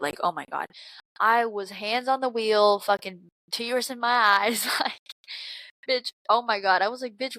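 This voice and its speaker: A woman's voice: medium pitch, fairly bright tone, no room sound, rough recording. A woman in her early twenties hosting a podcast, talking candidly and profanely in a casual confessional monologue, sounding congested from crying. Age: 20s. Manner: candid and profane, frequent fillers and slang. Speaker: podcast host.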